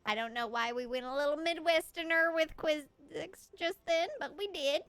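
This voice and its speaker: A woman's voice: high-pitched, normal speed, fairly bright tone, no room sound. A woman hosting a live tabletop game stream, chatting in a bubbly, casual way. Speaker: stream host.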